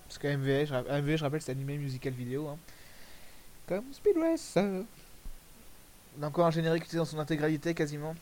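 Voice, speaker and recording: A man's voice: medium pitch, a little mellow, a little hiss or hum, rough recording. Rambling man giving casual commentary. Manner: rambling, self-correcting, crude slang. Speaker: commentator reviewing fan music videos. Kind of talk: casual commentary over video.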